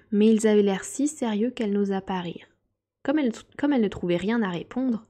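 Woman reading a children's book on a live stream, warm, mellow tone, plain steady delivery. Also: mid-range voice. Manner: steady reading with small restarts. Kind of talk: reading a children's novel aloud.

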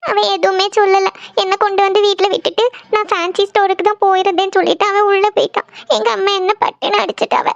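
A squeaky, very high young cartoon woman who rattles off her words between sobs, as a voice actor plays her. The tone is gravelly underneath, and the sound is dull and lo-fi. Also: level tone, fast, few pauses, no echo. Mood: upset. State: crying. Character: young woman in love, tearful and upset. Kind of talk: cartoon voice acting.

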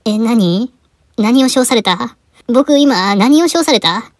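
A woman's voice: fairly high pitch, expressive, slow, no room sound, studio quality. A woman voicing a baffled young male student in a cartoon, polite and with a Kansai accent. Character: young man, a held-back student.

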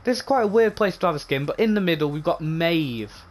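A man giving casual, rambling commentary on game items, often repeating himself, with a voice going hoarse. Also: fairly high pitch, animated, a little fast. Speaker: gaming channel host.

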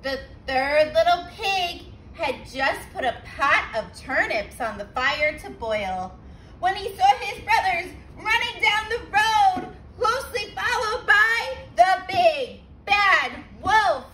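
A woman teacher reading a children's story aloud, expressive and stopping to explain words for kids. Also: very high-pitched, slow, a little hiss or hum, poor audio.

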